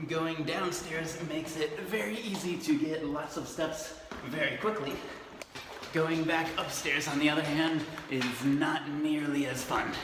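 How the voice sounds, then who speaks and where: A young man filming himself on a selfie stick as he walks city streets, chatting cheerfully and slurring slightly from the cold. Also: on the high side. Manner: upbeat, chatty, laughs at himself. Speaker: vlogger. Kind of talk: casual self-filmed vlog narration. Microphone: phone on a selfie stick. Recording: faint outdoor street noise.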